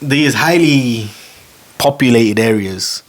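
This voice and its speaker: A man hosting a casual podcast chat, telling stories with lots of slang and swinging between hushed and excited. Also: medium pitch, slow pace. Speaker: podcast host.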